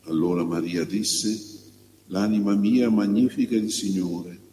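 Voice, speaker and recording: A man, a priest, reading the gospel and preaching a homily in a slow, measured, pausing way. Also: lowish voice, mellow. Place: church. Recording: long church reverb, faint hum.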